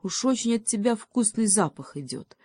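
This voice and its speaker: A woman's voice: medium pitch, expressive, moderate pace, mellow, husky, no echo, clean studio sound, pitched above the performer's own voice. A woman voicing a sensible, fretting male hedgehog who reasons things through aloud. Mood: pondering. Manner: thoughtful, reasoning, sighing.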